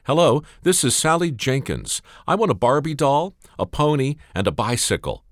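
A man's voice: mid-range voice, sing-song, moderate pace, no echo, studio quality, voice pushed up, natural voice. A man voicing a small girl asking for toys in a sweet, polite way. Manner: sweet, listing wishes. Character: little girl, polite and demanding.

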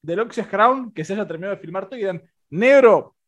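A young man with a Rioplatense accent, co-hosting a casual film review podcast in an animated, joking way. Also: rapid-fire. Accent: Rioplatense Spanish. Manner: animated, joking, voice swings high and low. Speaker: podcast co-host.

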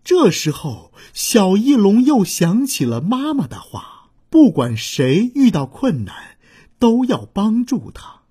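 A woman reading a children's story aloud, expressive and acting out the sound effects. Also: mid-range voice, slow pace, husky.

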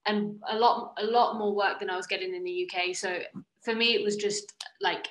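Young British woman, bright voice, echoey room. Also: mid-range voice, fairly even intonation, normal speed. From United Kingdom. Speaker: interview guest, professional wrestler. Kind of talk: casual interview chat.

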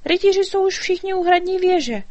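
A woman voicing a small, anxious fairy girl who pleads urgently in a high voice. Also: lively intonation, darkish tone, no echo, highs cut off. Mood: urgent pleading.

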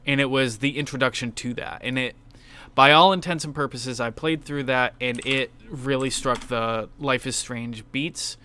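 A man's voice: mid-range voice, moderate pace, sharp tone, clear, resonant tone. A man co-hosting a casual podcast about video games. He talks candidly, with enthusiastic asides and casual swearing. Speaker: podcast co-host. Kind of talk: casual game-awards discussion.

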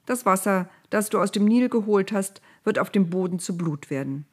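A woman's voice: mid-range voice, animated, breathy edge. A woman voicing a solemn, insistent God. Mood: firm. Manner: solemn, deliberate, repetitive proclamations. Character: God speaking from a fire, patient, solemn, insistent. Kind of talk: storybook reading.

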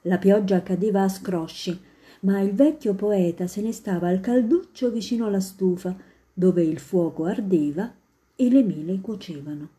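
A woman reads a storybook aloud in a calm, expressive way. Her voice has a very dark, mellow timbre at an ordinary pitch for a woman. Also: normal speed. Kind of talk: storybook reading.

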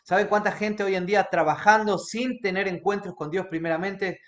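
A man's voice: high-pitched, fairly even intonation, moderate pace, dull audio. A man preaching a sermon as a pastor, earnest and often checking in with his listeners. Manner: earnest, checks in with the congregation by asking "right?" again and again. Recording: echoey room.

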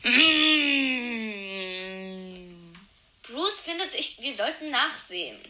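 Bright-voiced woman telling a playful story. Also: a little high, expressive, slow. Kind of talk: telling a playful story while voicing the figures.

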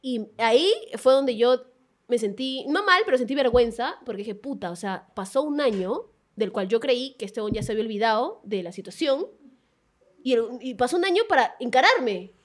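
High-voiced Peruvian woman telling a story. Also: normal speed. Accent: Peruvian Spanish. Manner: animated, laughing, defensive, repeats "escúchame". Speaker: podcast co-host telling a story. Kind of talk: casual storytelling chat. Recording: live audience noise behind.

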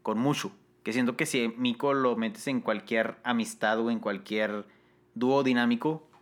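Un hombre con acento mexicano que presenta un pódcast en tono de charla informal, relajado y con comentarios rápidos. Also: male voice, medium pitch, steady tone, moderate pace. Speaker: podcast host. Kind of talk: casual chat.

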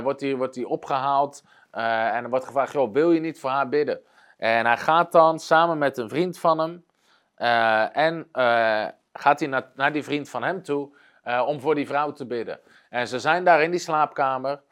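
A man preaching, retelling a story earnestly, with frequent hesitations. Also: a little high. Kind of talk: storytelling sermon.

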